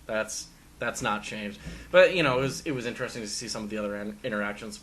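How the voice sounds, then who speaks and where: A man's voice: on the low side, fast talker, a bit bright, slight background noise. A man hosting a casual gaming podcast, telling stories in a rambling way with many fillers and restarts. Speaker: podcast host. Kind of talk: casual chat.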